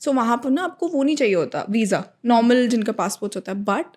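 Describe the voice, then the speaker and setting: A young woman co-hosting a casual chat, telling a travel mishap story and acting out the back-and-forth in her own voice. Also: fairly quick. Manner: animated storytelling, acts out quoted exchanges with big pitch jumps; mixes Hindi and English freely. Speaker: podcast co-host.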